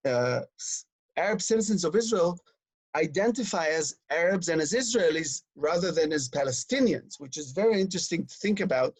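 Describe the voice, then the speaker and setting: Man, somewhat high voice, guest educator, lecturing, stacks up examples, dry close sound. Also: a little mellow, breathy edge, dry recording. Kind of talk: explanatory conversation.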